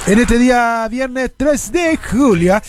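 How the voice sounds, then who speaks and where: Speaking very slowly in a very high, animated voice, this Chilean radio host has a Chilean Spanish accent and a cold-stuffed nose. His live patter is chatty, sing-song and upbeat, full of tag questions, with background noise in the mix.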